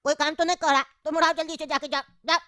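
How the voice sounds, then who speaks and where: A woman's voice: high-pitched, level tone, rapid-fire, pushed and bright, slight background noise. A woman voicing a coughing, grumbling old father. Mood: indignant. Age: older. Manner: grumbling, coughs, rambling complaints. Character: old coughing father with a chest cold, complaining. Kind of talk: cartoon voice acting.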